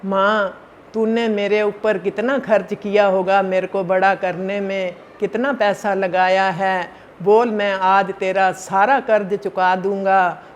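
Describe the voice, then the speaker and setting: A man's voice: high voice, flat delivery, takes it slowly, slight background noise. A man voicing an impatient grown son in a spoken parable, speaking in an irritable, complaining way. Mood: irritated.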